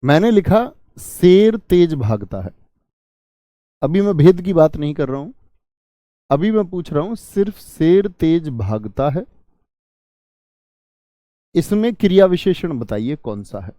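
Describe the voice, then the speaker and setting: A man's voice: on the high side, expressive, a little slow, pauses often, dark tone, no room sound, studio quality. A man teaching an online grammar class. He keeps asking his students questions and then answers them himself. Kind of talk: online exam-prep grammar lesson.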